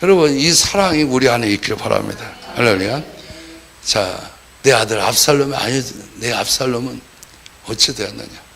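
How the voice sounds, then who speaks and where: A male pastor delivers a sermon in a gravelly, mid-pitched voice. He keeps the talk colloquial and acts out the people he quotes. A faint hiss sits under the recording. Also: lively intonation, normal speed, fairly bright tone. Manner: colloquial preaching with acted-out quotes.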